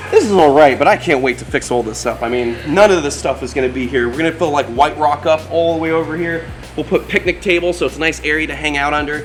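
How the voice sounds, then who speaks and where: A man hosting a wildlife vlog outdoors, explaining what he is doing in an upbeat, informal way as he works. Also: fairly high pitch. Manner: upbeat, informal, talks to viewers and animal. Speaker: wildlife video host. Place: outdoors at animal enclosures. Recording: music under outdoor speech.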